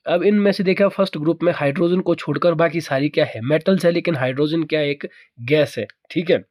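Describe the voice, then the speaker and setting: A man's voice: a little high, a little fast, a little mellow, dry recording, studio quality. A man teaching an exam-prep chemistry lesson, asking questions and answering them himself while repeating key points.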